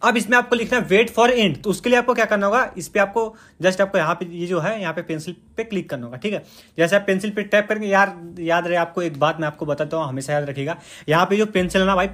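Guy doing a quick chatty app tutorial, keeps saying "see friends", high voice. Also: fairly bright tone. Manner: chatty, repeats "dekhiye doston" and "bhai". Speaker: tutorial host. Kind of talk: screen-recorded app tutorial.

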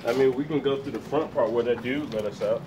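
A man's voice: medium pitch, fast. A man chatting casually with friends outdoors in slangy, profane speech, picked up on a phone camera. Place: outdoors walking around derelict building. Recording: very noisy outdoor phone recording.

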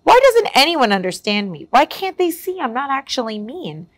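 A woman's voice: sits high, very animated, normal speed, pitched above the performer's own voice. A woman voicing a friendly, cheerful young male dog in a storybook, eager and sweet. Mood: sad.

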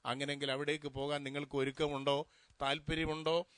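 A man's voice: fairly high pitch, flat delivery, a little fast, a bit bright, no room sound. A male pastor delivering a funeral sermon, putting rhetorical questions to the mourners.

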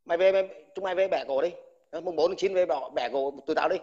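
Fiery, abusive veteran on a dull recording. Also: male voice, a little high, quick pace, a little mellow. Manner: combative, insulting, addresses the listener with crude terms; stammers and repeats words when heated. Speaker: army veteran speaking out online. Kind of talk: angry livestream rant.

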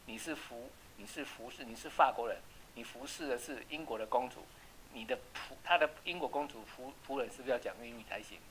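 A man teaching an English class, chatty and checking with students, slowing down to repeat words for pronunciation. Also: medium pitch, a bit bright, a little hiss or hum, low-quality recording. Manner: asks "right?" often. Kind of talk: classroom lesson.

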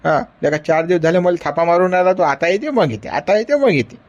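High-pitched, animated, and a little fast, the actor voices a lovesick, stubborn grandfather in a Varhadi Marathi accent for a comedy sketch, whining and insisting as he begs. The sound quality is lo-fi.

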